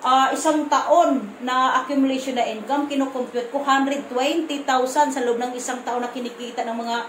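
High-voiced Visayan woman vlogging, echoey room. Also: steady tone, a little hiss or hum. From Visayas, Philippines. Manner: firm, blunt tone with halting restarts. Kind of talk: casual vlog to camera. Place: room at home.

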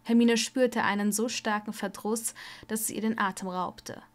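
Woman, audiobook narrator, steady storytelling, middle pitch. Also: normal speed. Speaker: audiobook reader. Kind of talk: reading fan fiction aloud.

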